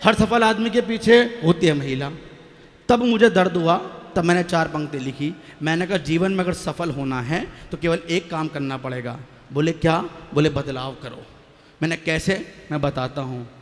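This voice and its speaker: High-voiced man telling comic stage poems. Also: moderate pace, in a large hall. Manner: jokey storytelling, banter with audience. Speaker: stage poet. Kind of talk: comic poetry recital.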